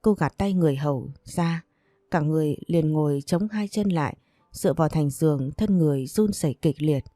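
A woman narrating a romance novel audiobook in a steady, even storytelling manner. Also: low voice, fairly quick, dry recording.

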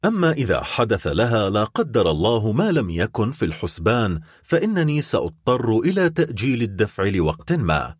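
A dignified shipowner near ruin, his voice quavering as he fights to keep it steady, as a male reader puts him on. The delivery is husky and rises and falls a lot. It sounds close and dry. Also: on the low side, a little fast, dry recording. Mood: strained. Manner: trembling voice held steady.

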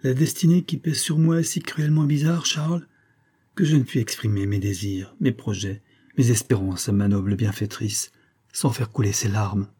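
A man's voice: fairly low pitch, normal speed, warm tone, slightly rough. A man reading the lines of a proud, melancholy young noblewoman in an earnest, reproachful way.

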